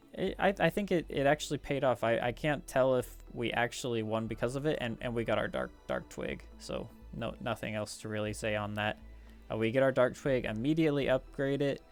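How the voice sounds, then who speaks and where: A gaming video host casually comments on his own gameplay, talking through strategy in a hesitant, rambling way. His voice is fairly low with vocal fry, and music plays in the background.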